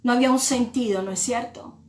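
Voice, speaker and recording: Argentine lady pastor preaching slow and thoughtful, soft guitar behind her. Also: fairly high pitch, roomy sound. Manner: reflective, slow pauses, repeats words. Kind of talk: sermon.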